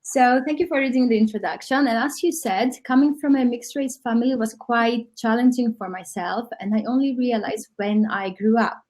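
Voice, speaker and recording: A woman from Greece, a coach who speaks as guest in an online workshop, reflective and often pausing with um. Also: fairly high pitch, a little mellow. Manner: reflective, with frequent ums.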